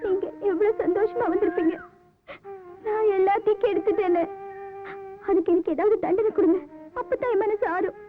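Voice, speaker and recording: A woman's voice: extremely high pitch, fast talker. An actress playing a young, poor village woman who is a devoted and jealous lover, speaking with emotion and pleading. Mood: tearful. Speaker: film actress. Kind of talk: old film drama acting. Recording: tinny lo-fi old film soundtrack with music.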